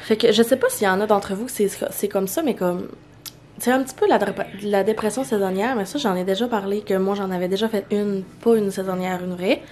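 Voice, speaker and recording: A woman's voice: mid-range voice, a little fast, darkish tone. A young woman with a Québécois accent, chatting casually at home in a morning vlog, rambling with lots of fillers and restarts. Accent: Québécois French. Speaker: vlogger.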